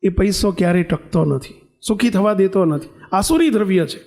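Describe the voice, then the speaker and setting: A man's voice: sits high, moderate pace, a little mellow. A man giving a sermon as a swami, pleading earnestly and repeating key words for emphasis. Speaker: swami preaching. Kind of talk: sermon with storytelling.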